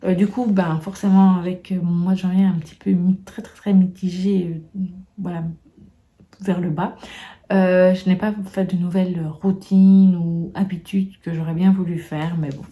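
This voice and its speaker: A woman's voice: lowish voice, level tone, moderate pace, lo-fi sound. A woman chatting casually in a monthly vlog wrap-up, hesitant and full of fillers and restarts. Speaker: booktube vlogger.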